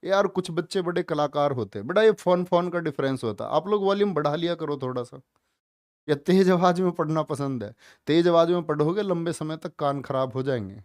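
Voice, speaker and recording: A man teaching a live online class, loud and emphatic, drilling students with repeated questions. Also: fairly high pitch, expressive, fairly quick, dry recording.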